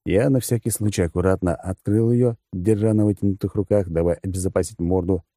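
A man's voice: deep voice, fairly even intonation, brisk, mellow, no room sound, clean studio sound. A man narrating a first-person story with a wry, crude manner. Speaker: audiobook narrator.

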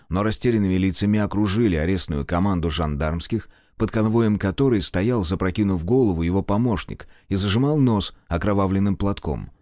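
Low-voiced male audiobook narrator, dry. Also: a little mellow, no echo. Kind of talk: scripted narration.

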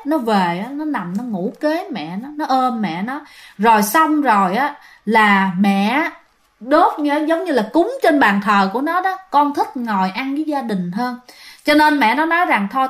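A woman, telling ghost stories in a chatty way and speaking straight to her listeners. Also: a little high. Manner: chatty, addresses listeners directly, many fillers. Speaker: storyteller. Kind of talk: casual ghost-story telling.

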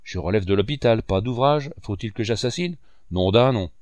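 A man reading aloud and voicing a gaunt, ragged vagabond, a former soldier, with a hoarse voice. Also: on the low side, expressive, normal speed, no room sound, close to an everyday voice. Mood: exasperated. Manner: shouted outburst.

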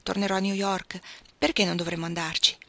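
An earnest young gentleman, urgent and pleading, as a woman reads him. The voice stays bright and close, with a dry sound. He presses his point eagerly. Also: medium pitch, little pitch movement, fairly quick, gravelly, no echo. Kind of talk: audiobook dialogue reading.

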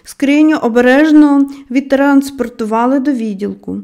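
With a high-pitched voice, a woman narrates an audiobook in measured storytelling fashion, easing her voice down softly at the end of phrases.

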